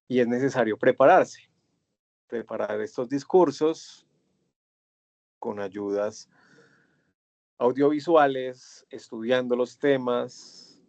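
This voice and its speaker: A male instructor with a Colombian accent, giving an online class lecture in a measured, drawn-out way and stressing key words. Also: medium pitch, gravelly, a little mellow, no room sound. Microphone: computer mic on a web conference. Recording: dull, dry web conference audio.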